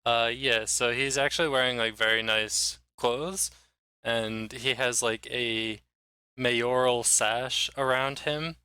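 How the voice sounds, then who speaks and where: A male game master narrating a tabletop adventure with an easygoing, rambling delivery. His voice is bright and crisp, recorded close and dry. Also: mid-range voice, slow, no room sound. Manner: relaxed, descriptive, with frequent "like" fillers.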